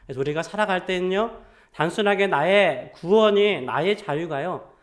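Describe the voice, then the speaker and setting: A man with a high voice preaches from the pulpit. He tells a parable in an engaging way and keeps asking the congregation questions as he goes. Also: normal speed. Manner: storytelling with frequent questions to the congregation. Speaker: pastor. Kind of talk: sermon.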